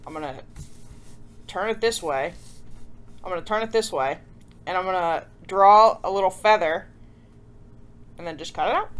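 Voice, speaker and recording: Her voice sits fairly low as she leads a kids' craft tutorial in a relaxed, talkative style. This craft show host pokes fun at herself playfully and keeps asking viewers how they're doing.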